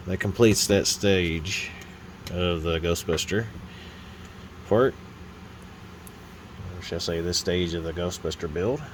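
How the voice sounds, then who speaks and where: A model-building vlogger with a very low voice and a stuffy nose from a sinus infection rambles casually through hands-on build commentary, relaxed, full of uh's and restarts. He's recorded on a phone mounted on a holder arm, with a faint hum behind.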